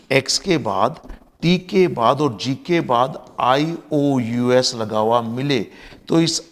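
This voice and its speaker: A man teaching vocabulary in a lesson, explaining patiently, spelling words out letter by letter and repeating pronunciations. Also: a little high. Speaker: vocabulary teacher for competitive exams. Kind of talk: Hindi-English mixed vocabulary lesson. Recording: long reverb.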